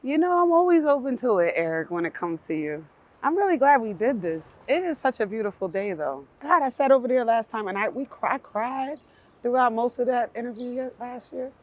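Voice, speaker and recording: A woman's voice: a little high, expressive, fairly quick. A middle-aged woman talking openly and emotionally as an interview guest, chatting on a porch outdoors. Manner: emotional, talkative, laughs often. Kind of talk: casual outdoor conversation.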